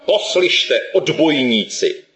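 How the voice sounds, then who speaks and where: A man's voice: fairly high pitch, expressive, a bit bright, roomy sound, voice pushed down. A preacher voicing Moses as a boastful, then stammering old male prophet, quoted with mocking exaggeration.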